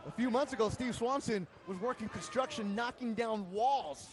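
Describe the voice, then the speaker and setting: A man's voice: very high-pitched, normal speed, a crowd in the background. A man calling a live MMA fight play-by-play, emphatic and given to storytelling.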